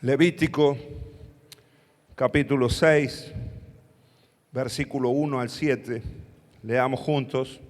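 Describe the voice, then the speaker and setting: A man's voice: medium pitch, steady tone, slow pace, pauses often, big-room sound. A man with an Argentine accent, preaching a sermon as pastor and asking the congregation to answer back. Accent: Argentine Spanish. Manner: preaching with call-and-response questions to the congregation. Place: church hall.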